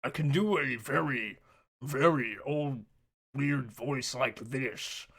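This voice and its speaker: A man putting on a very old, weird goblin or orc voice, slow and gravelly. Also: mid-range voice, a bit bright, exaggerated voice. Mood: croaky.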